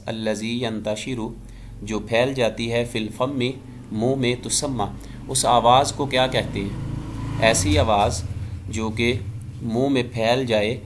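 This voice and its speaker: A man with a lowish voice teaches an exam-prep lesson on Arabic phonetics. He explains step by step and stretches out single letters and recited words so each sound comes through. His delivery is patient and measured. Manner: explains slowly, drawing out letters and Quranic words to demonstrate sounds.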